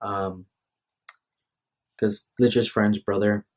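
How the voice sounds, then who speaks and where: A tired young man vlogs into his phone from a room at home, rambling casually to the camera and apologizing with hesitation as he restarts sentences again and again. His voice is lowish, with little pitch movement, and he talks extremely slowly.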